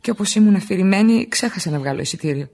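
A woman's voice: mid-range voice, lively intonation, warm tone. An actress playing a frightened, exhausted immigrant wife of an injured worker, pouring out her fears in a radio drama. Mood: distressed. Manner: emotional, confessional monologue.

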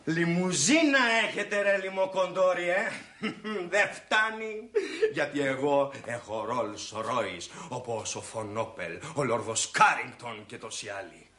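An actor playing a boastful, excitable husband who rants with swagger about the riches he expects. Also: mid-range voice, hardly any pauses, echoey room. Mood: bragging. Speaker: husband scheming to get rich.

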